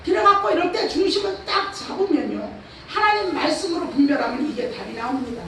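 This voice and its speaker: High, gravelly woman pastor preaching in an echoey hall. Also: expressive, fairly quick, fairly bright tone. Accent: Chungcheong Korean. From Chungcheong, Korea. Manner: emphatic preaching with rhetorical questions. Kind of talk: revival sermon. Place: church or prayer house hall. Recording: echoey hall, far from the mic, faint noise.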